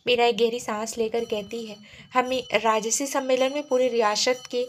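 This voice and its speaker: A woman's voice: on the high side, fairly even intonation, moderate pace. A woman storyteller reading a romantic family drama aloud, speaking every character's lines herself with only small changes to her own voice.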